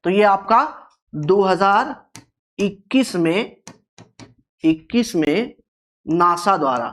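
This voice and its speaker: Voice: medium pitch, expressive, slow, fairly bright tone. A geography teacher giving an exam-prep lecture, repeating key terms, stretching them out syllable by syllable, and asking questions that it answers itself.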